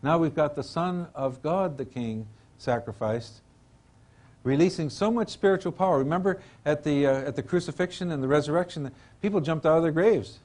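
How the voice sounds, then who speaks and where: A man's voice: on the high side, fairly quick, darkish tone. An older man giving an informal religious lecture in a rambling, professorial manner, trailing into asides and hesitant repetitions.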